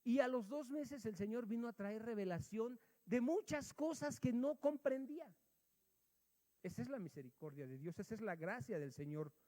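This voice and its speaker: High-voiced pastor in an echoing hall. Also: male voice. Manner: storytelling, acting out dialogue, swinging from quiet to loud. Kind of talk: sermon with personal story. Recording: long hall reverb.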